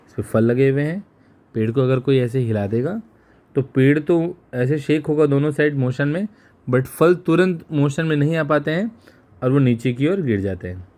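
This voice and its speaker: A male teacher giving an exam-prep physics lesson, explaining slowly and asking questions that he then answers himself, with English terms mixed into Hindi. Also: mid-range voice, a little mellow.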